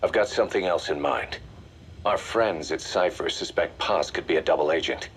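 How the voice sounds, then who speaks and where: An actor playing a military intelligence strategist in a video game, delivering a grave, deliberate, commanding briefing. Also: male voice, low voice, a little hiss or hum, lightly acted. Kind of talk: video game voice acting, mission briefing dialogue.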